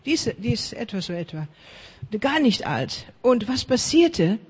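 A woman preaching a sermon in lively, chatty talk, often checking in with her listeners, with slightly broken grammar. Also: on the high side, measured pace, slightly rough, long reverb tail.

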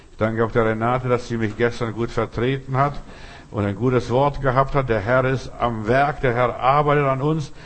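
A man's voice: mid-range voice, steady tone, moderate pace. German-speaking male pastor preaching emphatically. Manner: preaching with repetitive emphatic phrasing, addressing listeners as du. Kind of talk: sermon.

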